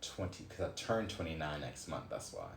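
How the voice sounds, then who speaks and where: A man in his late twenties, streaming a card reading, rants casually and thinks out loud with swearing and sudden exclamations. His rumbling low voice is gravelly and sing-song at a normal pace. The room is echoey with faint ambience and a slight hiss or hum.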